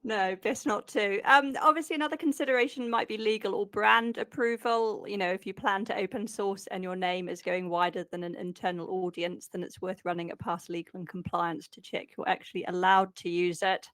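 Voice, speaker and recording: A woman's voice: medium pitch, fairly even intonation, brisk, hardly any pauses, a bit bright, no room sound. A woman with a New Zealand accent co-hosting a casual podcast, playful and laughing often as she runs a quiz. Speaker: podcast co-host.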